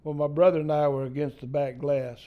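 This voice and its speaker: A man's voice: fairly high pitch, flat delivery, brisk, phone-quality sound. An older man from East Texas with a Texan accent, telling a profane family story in casual storytelling style. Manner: salty, profane yarn-spinning.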